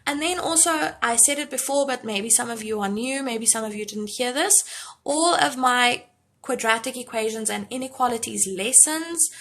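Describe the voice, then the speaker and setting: A woman teaching a live online high school maths lesson, explaining step by step and addressing her learners directly. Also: moderate pace, fairly bright tone.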